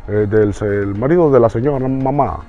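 A man's voice: mid-range voice, normal speed, lightly acted. A man voicing a child pretending to be a formal, pompous father, in an exaggerated way. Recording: dull lo-fi sound.

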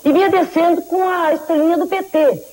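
A middle-aged woman from Argentina, speaking into a lapel mic in a TV studio, telling her story in an agitated, rushed, indignant way. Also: very high-pitched, steady tone, a little mellow, rough recording. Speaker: retired athlete giving testimony. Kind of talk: studio testimonial.

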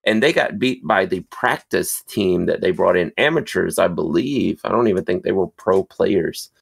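A man's voice: sits low, lively intonation, normal speed, gravelly, slightly rough. A man hosting a podcast in casual chat, a chatty storyteller who laughs easily.

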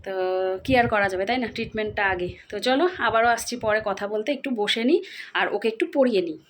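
A woman, chatting quickly and casually to her viewers while vlogging at home. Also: medium pitch, a little hiss or hum. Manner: rapid chatty talk with fillers. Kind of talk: casual vlog chat to viewers.

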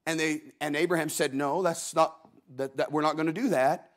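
Casting note: male preacher, high voice, folksy storyteller, acts out voices in the stories he tells. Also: steady tone, moderate pace. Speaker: guest preacher. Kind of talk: sermon. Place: church.

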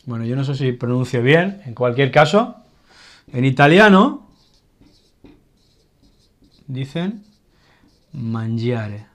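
A man with a Spanish accent giving a casual grammar lesson, often pausing to check in with his learners. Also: mid-range voice, animated, a bit bright. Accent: Spanish from Spain. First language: Catalan. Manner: explanatory, checks in with frequent "vale". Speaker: Spanish teacher.

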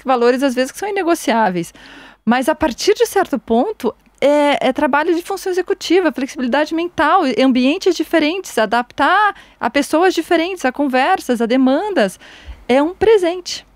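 A woman hosting a podcast explains ideas in a reflective tone. Her voice is somewhat high. The recording is dry and close. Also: animated, moderate pace, no room sound. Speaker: podcast host. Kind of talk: casual podcast chat.

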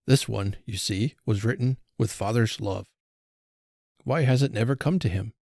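A man's voice: on the low side, normal speed, vocal fry, mellow, no room sound, clean studio sound. A man voicing a sorrowful, frail old Father Christmas who talks in a trembling, mournful and pleading way. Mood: sad.

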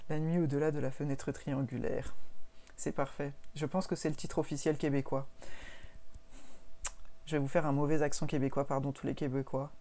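Low-voiced playful woman chatting on stream. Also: flat delivery, moderate pace, pauses often, mellow. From Paris. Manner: playful, laughs often, jokes about her own bad accents. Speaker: streamer co-host reviewing manga. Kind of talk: casual chat. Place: live stream.

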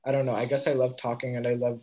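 A teenage boy co-hosting a podcast in casual chat, talkative and often trailing off quietly at the ends of his thoughts. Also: medium pitch, little pitch movement, quick pace, poor audio. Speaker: podcast co-host.

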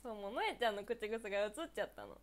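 A young woman in her twenties from Niigata, chatting casually on her own live stream, answering viewer comments and giggling often. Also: medium pitch. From Niigata, Japan. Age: 20s. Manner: giggly, laughs often between phrases; chatty and playful, quick reactions.

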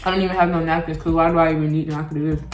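Young woman vlogger, low voice, casual frank chatter while chewing, echoey room. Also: flat delivery, racing. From Florida, USA. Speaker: mukbang vlogger. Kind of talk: casual chat while eating.

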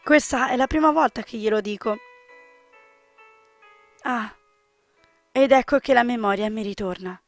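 Woman, fairly high voice, reading game narration aloud, expressive, faint music behind. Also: a little slow, long pauses. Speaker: gamer reading a visual novel aloud.

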